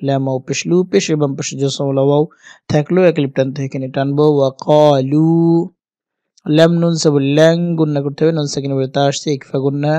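A man teaching Quran reading step by step, spelling out each letter and vowel mark slowly and speaking to his viewers as their teacher. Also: a little high, fairly even intonation, dark tone, dry recording. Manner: addresses viewers directly as teacher. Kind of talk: step-by-step Quran recitation lesson.

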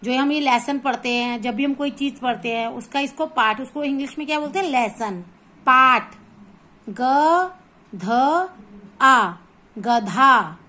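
A woman teaching a kindergarten phonics lesson, sounding out syllables slowly one by one and gently coaxing a child along. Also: sits high. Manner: slow, drawn-out syllable-by-syllable reading; gentle, addresses child as beta.

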